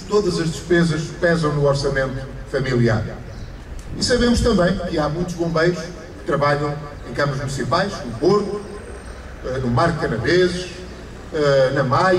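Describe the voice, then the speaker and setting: A man's voice: on the high side, background noise. A middle-aged man with a European Portuguese accent giving a formal mayoral speech at an outdoor ceremony, speaking emphatically with repeated phrases and rising stresses. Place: outdoors under an awning at a ceremony. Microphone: stand microphone through a PA, filmed from afar. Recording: PA echo outdoors, distant camera, crowd.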